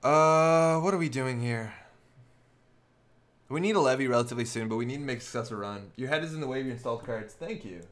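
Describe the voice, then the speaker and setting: A man's voice: mid-range voice, fast, fairly bright tone. Man thinking aloud over a card game. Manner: thinks aloud, working through plays step by step. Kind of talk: live casual game commentary.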